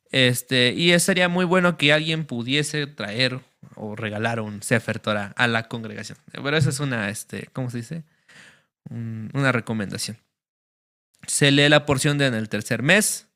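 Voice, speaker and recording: A man teaching a religious class in a casual, explanatory way, often pausing with fillers and checking that his listeners follow. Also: mid-range voice, bright, forceful tone.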